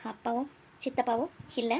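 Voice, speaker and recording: A woman's voice: fairly high pitch, little pitch movement, fairly quick, noisy background, close to an everyday voice. A woman voicing a stern probing mother. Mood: scolding. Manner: probing, scolding, firm. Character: probing middle-aged mother, stern and watchful. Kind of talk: cartoon voice acting.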